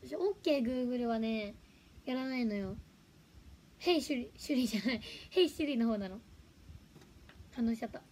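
A woman's voice: a little high, normal speed, pauses often, darkish tone, slight background noise. A young woman chatting casually on a livestream, giggling and reacting to viewer comments. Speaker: livestream host.

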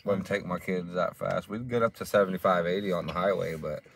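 A man chatting casually in a parked car, relaxed and rambling with lots of fillers. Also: sits low, brisk, gravelly, crowd noise. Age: 30s. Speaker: vlogger. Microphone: phone camera on the dashboard.

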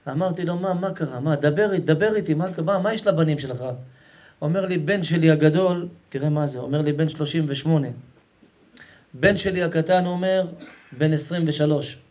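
Man, rabbi, live sermon, slightly high voice, emphatic, repetitive, chatty with the audience. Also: darkish tone. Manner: repetitive, emphatic, keeps calling the audience to listen; colloquial and affectionate toward the crowd.

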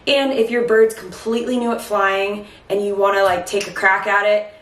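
A woman's voice: mid-range voice, little pitch movement, moderate pace, fairly bright tone. A woman in her thirties talks to camera in a chatty, instructional way. She sounds short of breath as she explains things step by step. The recording is echoey, with the microphone set some distance off in a kitchen. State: breathless from late pregnancy. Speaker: host of a pet bird channel. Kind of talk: casual instructional talk to camera. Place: home kitchen, indoors.

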